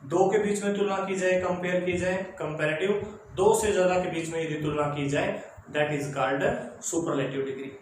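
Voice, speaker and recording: A man teaches an English grammar lesson, explaining patiently and repeating key words for his students. His voice sits high for a man. The room rings with heavy echo over a faint background hiss. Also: steady tone, moderate pace.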